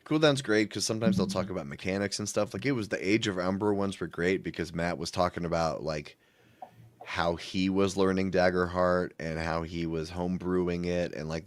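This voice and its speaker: A man hosting a casual podcast chat, relaxed with playful asides. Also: sits low, brisk. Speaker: podcast host.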